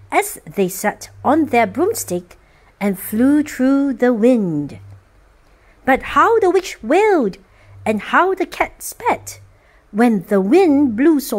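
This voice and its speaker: A woman storyteller reads a rhyming children's picture book aloud in an expressive, sing-song voice. Her voice sits high and moves freely up and down. She reads slowly, leaning into every rhyme.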